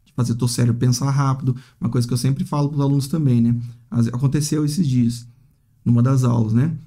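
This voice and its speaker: In a casual, chatty monologue, a man teaches English, frequently tacking on "né?" tags and acting out hesitant students. His mid-range voice has a dark tone, fairly even intonation, and a brisk pace.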